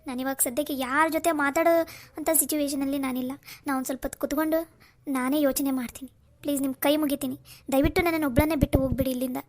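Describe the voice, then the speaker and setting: A woman's voice: high voice, steady tone, fast talker, a little mellow, natural voice. A woman voicing a distressed young adult daughter in a cartoon family drama, begging her parents to leave her alone. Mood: pleading. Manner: begging, tearful pleading.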